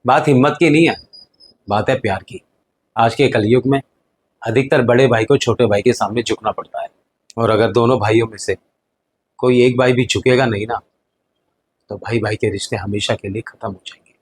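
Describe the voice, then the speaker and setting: A middle-aged man acting as an elder brother and husband in a family drama, speaking in a calm, reasoning way that sometimes sinks quiet. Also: medium pitch, normal speed, pauses often, slightly rough, lightly acted.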